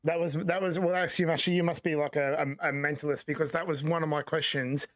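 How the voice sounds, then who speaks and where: Aussie host guy, highish voice, keen, trips over his words, dry room. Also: fairly even intonation, fast, dry recording. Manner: eager, stumbling restarts. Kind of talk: casual online chat show.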